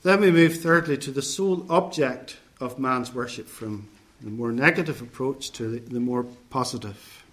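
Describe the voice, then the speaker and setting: A man preaching a sermon in a measured, deliberate way, setting out points one by one and listing phrases with care. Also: mid-range voice.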